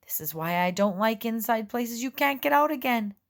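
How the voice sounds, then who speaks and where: Gentle woman reading a storybook. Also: fairly high pitch, lively intonation, normal speed. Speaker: audiobook reader. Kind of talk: first-person storybook narration.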